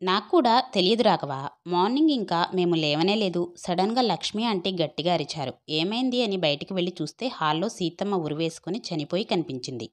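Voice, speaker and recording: A woman's voice: lowish voice, lively intonation, brisk, natural voice. A woman voicing a young woman who earnestly explains what she saw, in a story read aloud. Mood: shaken. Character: young woman shaken by a death.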